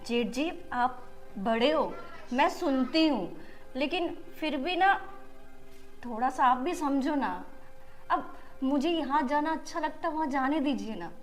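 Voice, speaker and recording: Actress as a defiant young daughter-in-law. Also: female voice, lively intonation, a little slow, soft background music. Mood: pleading. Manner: sulky and argumentative, pitch jumps when upset. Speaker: actress in a family short film. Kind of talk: Hindi short-film drama acting.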